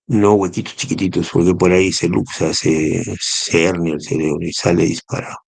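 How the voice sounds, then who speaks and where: A man's voice: low-pitched, level tone, normal speed, gravelly, darkish tone, husky, dry recording. A man giving a recorded neurosurgery lecture, explaining step by step and often checking in with his students. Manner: explanatory, spells out acronyms, asks rhetorical "¿no?".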